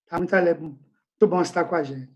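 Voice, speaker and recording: A man's voice: fairly high pitch, fairly even intonation, quick pace, a little mellow, lo-fi sound. A male pastor leading an informal Bible study question-and-answer session over a video call from home, talking in a casual, slangy, conversational way.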